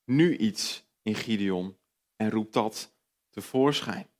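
A man preaching a sermon in a conversational way. He asks his listeners direct questions, rises and gets louder on emphatic points, and drops soft on reflective ones. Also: on the low side, takes it slowly.

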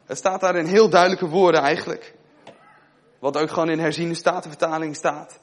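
A man's voice: on the high side, fairly even intonation, brisk. A young man giving a sermon in a conversational way, asking his listeners questions and telling a personal story. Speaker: preacher.

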